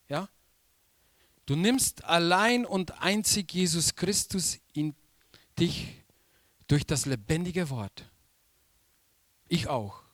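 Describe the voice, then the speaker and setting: A man preaching a sermon slowly and emphatically, repeating key phrases for weight. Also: a little high, no room sound.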